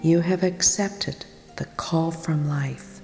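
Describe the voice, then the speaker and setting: A woman leading a guided meditation, speaking softly and soothingly, often in a whisper. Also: deep voice, fairly even intonation, slow pace. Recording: long reverb with music behind.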